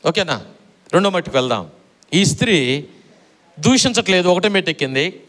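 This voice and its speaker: Male preacher, middle-aged; high, lively sermon delivery that repeats lines and calls on listeners to respond. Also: moderate pace. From Andhra Pradesh, India. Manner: animated, repeats phrases, quizzes the congregation for answers.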